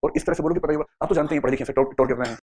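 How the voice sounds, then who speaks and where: Fast-talking husky male teacher. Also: a little high, darkish tone. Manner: fast, playful, acts out examples in voices. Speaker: psychology teacher. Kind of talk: classroom lecture mixing Hindi and English. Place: classroom.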